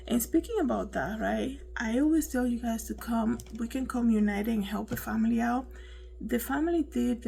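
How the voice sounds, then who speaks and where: A woman's voice: a little high, vocal fry, a little mellow, poor audio. A woman giving casual commentary on a news story, chatty and preachy, often asking her listeners "right?". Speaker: online commentator.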